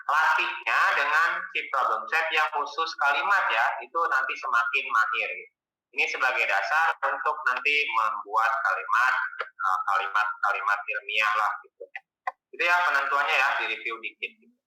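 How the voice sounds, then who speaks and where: A male tutor with a very bright, crisp voice, talking through the lesson in a loose, conversational way. He poses questions and then answers them himself. The sound is roomy and echoey, picked up from some distance off the mic. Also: medium pitch, normal speed. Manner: relaxed, colloquial explaining. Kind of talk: casual exam-prep lesson.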